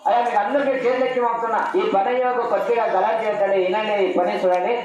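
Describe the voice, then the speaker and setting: A man giving loud street performer patter, pleading and repetitive, addressing the crowd respectfully. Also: high-pitched, steady tone, rapid-fire. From Andhra Pradesh, India, near Karnataka border. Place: live street show, picked up from a distance. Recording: echoey, distant, muffled live pickup.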